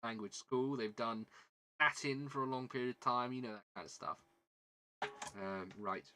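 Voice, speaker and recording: At normal speed, a man with a mid-range voice chats over a noisy background. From southern England and with a southern British accent, he hosts a casual livestream while building a model kit, rambling, putting himself down and often repeating words.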